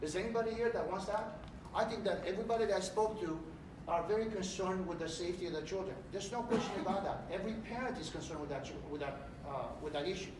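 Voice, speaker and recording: A middle-aged man from Romania, a political candidate giving an animated campaign speech in a large hotel meeting room. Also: sits high, fast talker. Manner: animated, gesturing while speaking. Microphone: far camera. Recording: echoey room, distant mic, background noise.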